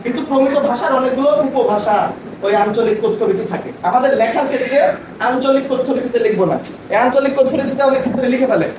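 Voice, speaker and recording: A man's voice: very high-pitched, fast talker. A man training teachers in a classroom lecture, explaining with examples and often checking that the listeners understand. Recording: echoey room from far off, noisy.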